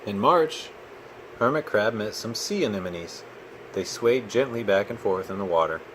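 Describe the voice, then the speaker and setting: A man reading a storybook aloud to a child in an expressive, patient manner. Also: on the low side, normal speed, a little hiss or hum, rough recording. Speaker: children's book reader.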